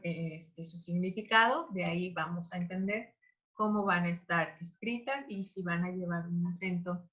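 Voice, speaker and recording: A woman's voice: fairly low pitch, fairly bright tone. Woman teaching spelling, lo-fi sound. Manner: explanatory, with frequent fillers and restarts. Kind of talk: online grammar lesson. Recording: dull lo-fi recording.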